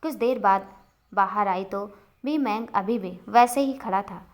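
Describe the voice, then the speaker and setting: Woman storyteller, steady even reading, scripted narration. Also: mid-range voice, a little slow.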